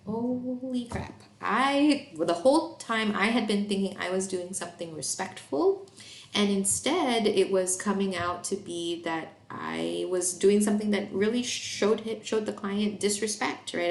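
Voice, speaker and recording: A woman's voice: medium pitch, gravelly. A woman from Malaysia, a therapist presenting an online training course in a casual, chatty way, with many fillers and frequent laughs. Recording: roomy echo, faint noise.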